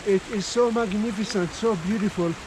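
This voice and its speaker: Male trekker, high-pitched, reflective casual chat, light outdoor noise. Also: steady tone, normal speed. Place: outdoors on a mountain trail.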